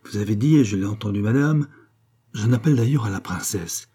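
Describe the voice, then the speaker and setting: A man's voice: on the low side, expressive, brisk, warm tone, slightly rough. A man reading an audiobook, voicing a proud young nobleman who presses his questions earnestly. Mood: insistent. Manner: insistent, earnest.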